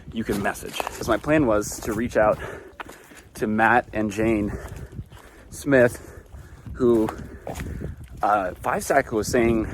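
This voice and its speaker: Hiking vlogger, male, low voice, rambling and chatty, noisy outdoor ambience. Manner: chatty, filler-heavy, rambling. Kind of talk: casual vlog narration and trail chat.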